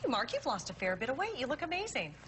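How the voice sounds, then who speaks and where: A woman chats in an upbeat, scripted infomercial style. Her voice is high and bright, delivered enthusiastically. The room rings a little, with faint noise behind her. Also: wildly swooping pitch, fast, big-room sound. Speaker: infomercial co-presenter. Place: studio kitchen set indoors.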